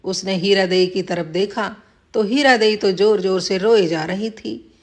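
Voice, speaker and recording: A woman's voice: medium pitch, unhurried. A woman narrating a village folk tale in a plain storybook reading, lightly voicing the villagers' lines.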